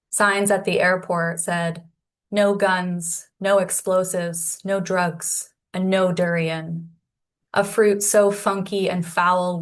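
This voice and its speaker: A woman from Canada with a Canadian accent, reading her poem slowly and evenly over a remote call. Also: lowish voice. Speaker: poet. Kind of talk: poetry reading.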